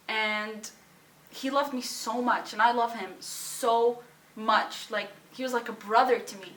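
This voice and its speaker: A young woman from Syria telling her personal story, halting and emotional, with pauses, sighs and restarts. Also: on the high side, fairly bright tone, reverberant, distant mic, low-quality recording. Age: young adult. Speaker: student sharing her story. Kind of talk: personal testimony.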